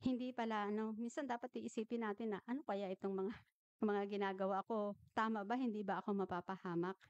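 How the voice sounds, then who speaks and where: A woman giving an animated talk to an audience, asking questions and telling anecdotes. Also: medium pitch, brisk, dry recording. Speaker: health speaker at a church gathering. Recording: dull, slightly muffled recording.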